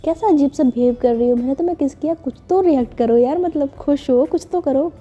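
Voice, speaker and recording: A woman's voice: high-pitched, brisk, warm tone, highs cut off, faint music behind, lightly acted. A woman voicing a young woman in love who keeps pleading and whining for affection, read in a storytelling voice. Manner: wheedling, whiny, then sulky. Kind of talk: storytelling in character voice.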